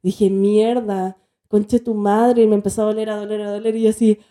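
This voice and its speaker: A woman with a Chilean accent, co-hosting a casual chat. She tells a story in a lively way, swears freely and acts out what she said back then. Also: mid-range voice, moderate pace. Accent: Chilean Spanish. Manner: lively, swears freely, acts out her own past lines. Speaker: podcast co-host.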